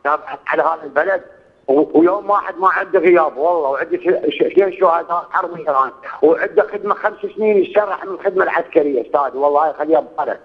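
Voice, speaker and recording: A man's voice: on the high side, very fast. Pleading Iraqi man in his sixties on a phone line. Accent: Iraqi Arabic. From Iraq. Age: 60s. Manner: pleading, swears oaths constantly, repeats himself. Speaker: caller. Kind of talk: call-in radio complaint.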